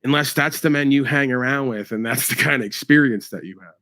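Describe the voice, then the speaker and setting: A man's voice: mid-range voice, brisk, sharp tone. Profane New man ranting. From New York. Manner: profane, confrontational, mocking. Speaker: livestreamer. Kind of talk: angry livestream rant.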